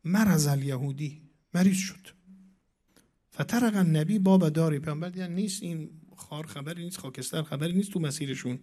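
A man giving a sermon, reciting scripture in a measured way and swinging between loud declaiming and hushed asides. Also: a little high. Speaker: preacher.

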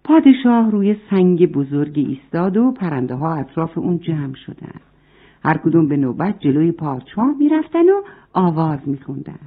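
A woman's voice: deep voice, sing-song. A woman narrating a story for children, speaking to them directly, on a tinny recording. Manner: warm, addresses the children.

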